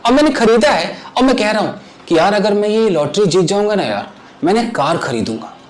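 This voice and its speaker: Brisk and very animated, a man whose voice sits high teaches English grammar in Hindi-English from his home kitchen, demonstrating live. He chats with viewers and frequently makes sure they understand. The recording is rough.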